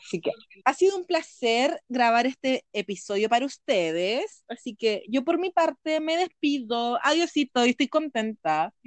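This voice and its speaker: A Chilean woman co-hosts a casual podcast, and her voice sits high and playful. She teases and giggles her way through the chat. The sound is close and dry, with no room around her. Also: a little slow, no room sound. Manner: giggly, teasing, excitable. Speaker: podcast co-host.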